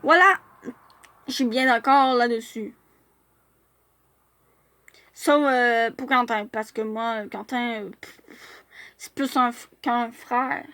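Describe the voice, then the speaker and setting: A woman's voice: a little high, takes it slowly, long pauses, sharp tone, dry recording. A woman chatting casually in a vlog as she reviews fan profiles, hesitating often with filler sounds and restarts.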